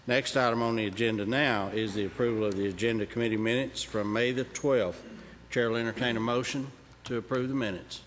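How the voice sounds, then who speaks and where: A man chairing a county committee meeting, briskly calling for motions, seconds and votes. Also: mid-range voice, steady tone, fairly bright tone. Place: large county commission room. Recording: reverberant room, faint noise.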